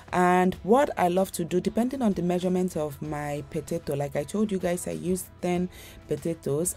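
A young woman hosting a home cooking channel talks viewers through a recipe in a casual voice-over, chatty and rambling with lots of fillers and restarts. Her voice is on the low side and warm.

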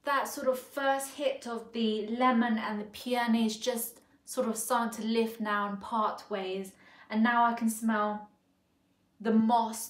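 A fairly high-voiced woman in her 40s from Thailand vlogs a perfume review at home on the living-room sofa, unhurried and thinking aloud with heavy fillers and frequent restarts. The camera sits close in front of her, and the room echoes.

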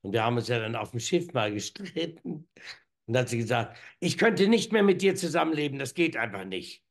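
A man's voice: medium pitch, very animated, fairly quick. A man in his fifties co-hosting a casual comedic chat over a video call from home, rambling and joking with many restarts. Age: 50s. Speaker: co-host. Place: room at home, indoors. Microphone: video call webcam.

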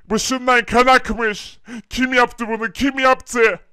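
A man's voice: very high-pitched, little pitch movement, slow pace, pushed and bright, clear, resonant tone, dry recording, full character voice. A man doing a frantic thief boss. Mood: alarmed. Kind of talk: hobby animation voice acting.

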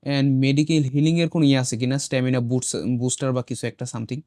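A man, hoarse from a cold, chatting casually to viewers while he plays and throws in English exclamations. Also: mid-range voice, steady tone, fast talker, dark tone, no echo, studio quality. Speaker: gaming channel host. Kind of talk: casual gameplay commentary.

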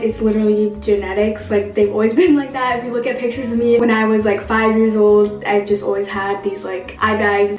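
A young woman with a groggy morning voice chats casually as she walks through her skincare, leaning on "like" as she talks. Her voice sits a little high but stays fairly flat. The camera sits back from her in an echoey bathroom, with soft music playing underneath. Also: far from the mic. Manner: chatty, filler-heavy with frequent "like". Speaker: beauty vlogger. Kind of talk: casual makeup tutorial chat. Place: small home bathroom. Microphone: camera on a shelf at a distance.

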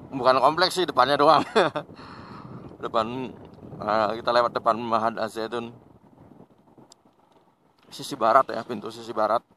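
Unhurried and mid-range in pitch, an Indonesian man gives casual riding commentary from his motorbike on rural roads, leaving long pauses between remarks. He's chatty and relaxed, laughs often, and addresses his viewers as friends. Some slight background noise is present.

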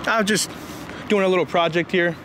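A man's voice: high-pitched, fairly even intonation, moderate pace. A man narrating a casual handheld vlog as a citizen reporter, informal and inquisitive. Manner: informal, inquisitive, remarking on surroundings. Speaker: citizen video reporter, vlogger. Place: outdoors on city street and in public lobby. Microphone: handheld camera, held by speaker. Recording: noisy handheld outdoor recording, street traffic.

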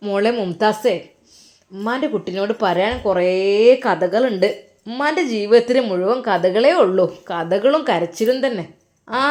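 A woman voicing an aging, tender-hearted mother who speaks softly and sorrowfully, with a Malappuram Malayalam accent. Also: mid-range voice, lightly acted. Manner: soft, sorrowful, affectionate.

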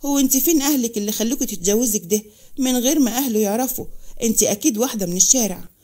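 A stern older father with an Egyptian accent speaks harshly and sarcastically, as a woman narrator reads him. The delivery is fast and mellow, a storybook read. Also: on the high side, close to an everyday voice.

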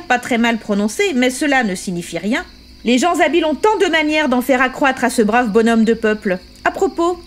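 Audiobook role: a fierce dying old revolutionary man, read by a woman, accusing and impassioned, with a fairly high voice. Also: close to an everyday voice.

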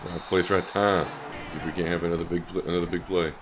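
A man with a scratchy, sick-sounding throat, giving laid-back, casual commentary on the game he's playing, with short excited outbursts. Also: low voice, quick pace. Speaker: gaming YouTuber.

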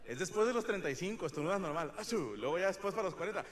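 A Mexican man in his thirties doing a stand-up comedy monologue, telling crude, slangy stories and shouting some bits. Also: high-pitched, lively intonation, rapid-fire. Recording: live show with loud audience noise.

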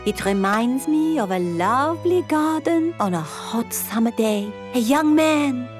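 A woman's voice: on the high side, lively intonation, a little slow, soft background music. A woman voicing Madame Gazelle, a prim, theatrical gazelle teacher, in a children's cartoon. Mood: dreamy. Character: fussy, kindly gazelle teacher, adult woman. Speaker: playgroup teacher.

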